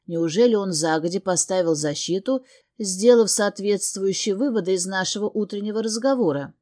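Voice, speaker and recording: A woman's voice: medium pitch, normal speed, warm tone. A woman reading a first-person fantasy novel aloud, earnest and emotional. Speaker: audiobook narrator.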